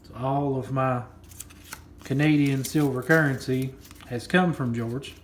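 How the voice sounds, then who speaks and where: A man's voice: medium pitch, measured pace, roomy sound, a little hiss or hum. A man chatting casually while opening a package, rambling and repeating himself as he goes. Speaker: coin collecting vlogger. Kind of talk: casual unboxing chat.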